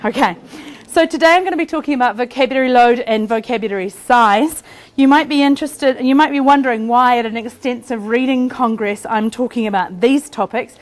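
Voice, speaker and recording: New Zealand woman, conference speaker, quick and chatty, self-deprecating, voice sits a touch high. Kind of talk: academic conference presentation. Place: lecture hall.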